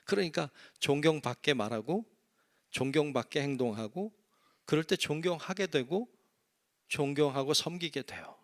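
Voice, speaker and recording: A man's voice: on the high side, normal speed. A middle-aged man, a senior pastor, preaching a sermon in a conversational way, addressing the congregation and acting out little quoted voices. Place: church sanctuary.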